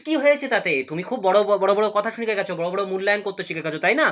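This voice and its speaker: A man voicing a stern, domineering older matriarch who scolds and repeats herself in a fast, sharp voice. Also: sits high, expressive. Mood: scolding. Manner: scolding, sarcastic, repeats lines.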